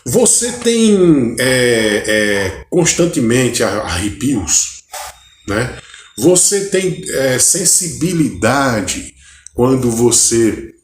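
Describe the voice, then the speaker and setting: A man with a Brazilian Portuguese accent, a pastor giving an unscripted Bible study to camera. He talks haltingly, checks in with his listeners, and fires long strings of direct questions at the viewer. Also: mid-range voice, big pitch swings. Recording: echoey room recording.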